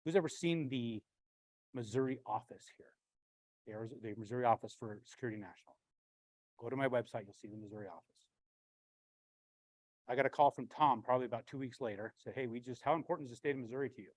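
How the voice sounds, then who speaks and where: A man, a branch manager, giving a blunt, animated storytelling talk with frequent swearing and a husky voice. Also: medium pitch, fast talker, pauses often, no echo, poor audio.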